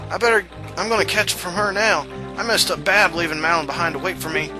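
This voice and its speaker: A man's voice: high voice, fairly even intonation, fast, over music, natural voice, rough recording. A man voicing a sleepy, easygoing middle-aged rancher in a Southern US accent, drawling and getting flustered.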